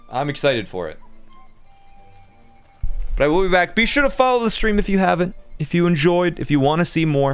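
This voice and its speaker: Over gameplay on a casual livestream, a young man jokes and rambles, sounding groggy and worn out. His voice sits high, with a fairly bright, clear, resonant tone. He keeps the chat going, losing his thread and restarting now and then.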